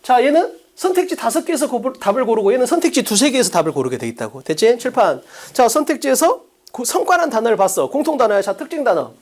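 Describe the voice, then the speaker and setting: A man's voice: very high voice, sing-song, fast talker, few pauses. A middle-aged man teaching English test strategy to students, lecturing with lots of rhetorical questions.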